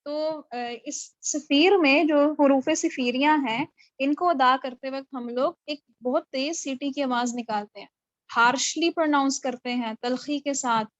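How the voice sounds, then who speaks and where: Woman teacher, high voice, dry close sound over a video call, explanatory and questioning. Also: dry recording, highs cut off. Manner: explanatory, mixes English terms into Urdu, checks understanding with questions. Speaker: Quran recitation teacher. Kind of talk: live online lecture. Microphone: video call microphone.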